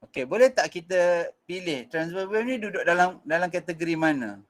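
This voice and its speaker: A man's voice: sits high, expressive, normal speed. A Malaysian man teaching an online physics revision class, mixing in English, with frequent fillers and restarts.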